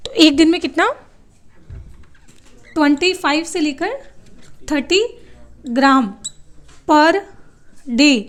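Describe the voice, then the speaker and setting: A woman teaching a biology class, who asks her students questions and answers them herself, often switching to English terms. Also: high voice. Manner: calls her students "beta" and tells them to write things down. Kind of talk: classroom lecture.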